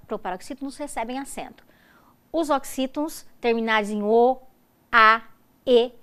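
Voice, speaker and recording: A woman from Brazil giving a recorded university lecture, explaining rules step by step and checking in with her students often. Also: on the high side. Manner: stresses example words slowly and loudly. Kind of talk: recorded distance-learning lecture.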